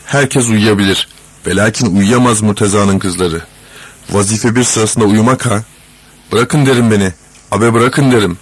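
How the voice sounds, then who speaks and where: Storybook: male reader plays a frantic, bellowing father; deep, rough, husky. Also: normal speed. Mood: raging. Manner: shouting, frantic. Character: enraged middle-aged father, factory foreman.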